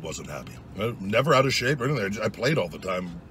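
A young man talks while chewing, his mouth full as he reviews food in a loose, joking way. His voice sits a little low. A soft hum of traffic comes through faintly from his parked truck. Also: sing-song, quick pace. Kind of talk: casual vlog monologue.

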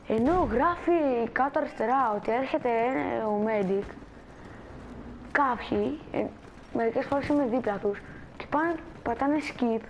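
A woman's voice: on the high side, slight background noise, poor audio. A woman giving casual gameplay commentary as a channel host, chatting and talking viewers through her moves.

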